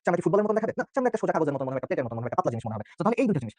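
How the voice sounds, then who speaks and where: A man's voice: fairly high pitch, very animated, racing, no room sound. A young man from Bangladesh teaching an online exam-prep biology lecture, chatty and joking, often checking in with his students. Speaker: biology tutor.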